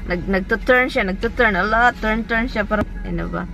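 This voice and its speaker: A woman's voice: mid-range voice, a little fast, gravelly, fairly bright tone, soft background music. A woman from the Philippines with a Filipino accent, chatting casually and laughing often while vlogging from a car on her phone. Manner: chatty, giggly, exclamatory. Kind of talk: casual chat mixing Tagalog and English.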